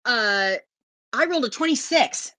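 A woman playing in a tabletop game, brash and excitable, swearing freely. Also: on the high side, a little slow, no room sound. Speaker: player. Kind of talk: casual tabletop game play.

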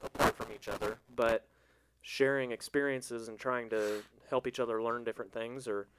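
A man's voice: medium pitch, steady tone, normal speed, fairly bright tone, slight background noise. A man co-hosting a casual podcast, easygoing and rambling. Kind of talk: casual chat.

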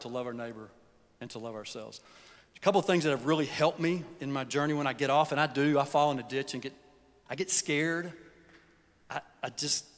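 A man preaching in a folksy, earnest way, his fairly high voice carrying a long reverb through a large church hall. He often sinks to a near whisper. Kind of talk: sermon.

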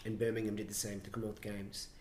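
A middle-aged man, a choreographer and director, telling stories with animated enthusiasm in an interview. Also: fairly low pitch, very fast, a little hiss or hum. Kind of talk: conversational interview. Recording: roomy echo, faint ambience.

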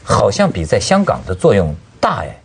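A man's voice: lowish voice, wildly swooping pitch, moderate pace, gravelly, husky. A man hosting a casual panel discussion, talking colloquially with exclamations and prompting questions. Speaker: talk show host.

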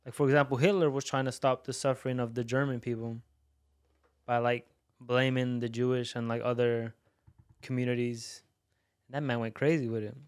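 A man's voice: medium pitch, level tone, moderate pace, clean tone. A young man co-hosting a podcast, chatting in a laid-back way and asking the guest questions. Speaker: podcast co-host. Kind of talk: casual podcast chat.

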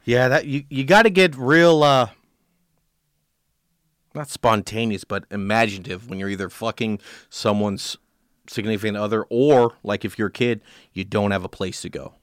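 A man's voice: lowish voice, steady tone, normal speed, dry recording, clean studio sound. Crude joking male podcast host. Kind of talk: reading a true-crime story and casual chat.

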